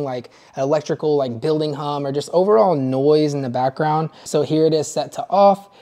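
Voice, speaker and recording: A man in his thirties who hosts a filmmaking gear channel walks through camera settings step by step in a friendly tutorial. His voice is on the high side with a dark tone, captured on clip-on wireless mics in a home living room.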